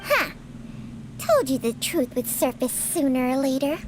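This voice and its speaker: A tiny talking snake from a video game, extremely high and swooping. It is pert, blunt and full of questions, with loud noise behind it. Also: female voice, big pitch swings, a little slow. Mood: smug. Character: small talking snake, inquisitive, blunt, childlike. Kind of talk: video game creature voice acting.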